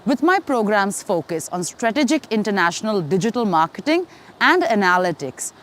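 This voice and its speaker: A woman's voice: mid-range voice, very animated, moderate pace, a bit bright. A young woman from India speaking in a prepared video testimonial about her studies. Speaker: student giving a testimonial.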